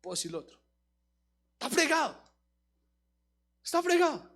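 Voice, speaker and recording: A male pastor preaching a sermon, rising to shouted peaks and mimicking whiny excuses in a softer voice. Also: extremely high pitch, big pitch swings, moderate pace.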